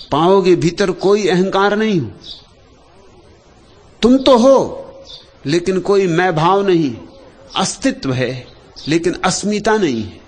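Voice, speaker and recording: A man delivers a spiritual discourse at a slow, measured pace. His slightly high voice rises and falls over a wide span between short phrases, often sinking low and soft as a thought ends. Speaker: spiritual speaker.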